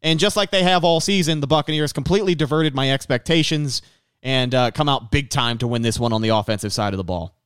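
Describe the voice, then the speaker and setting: A man's voice: mid-range voice, fast talker, fairly bright tone, smooth, dry recording, clean studio sound. A man hosting a sports podcast, presenting a live post-game recap in a polished, broadcast-like way.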